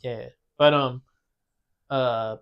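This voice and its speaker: A man hosting a casual podcast chat, teasing his co-host in a relaxed way with many filler words. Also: mid-range voice, extremely slow, clean tone, dull audio. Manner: teasing, laid-back, lots of ums.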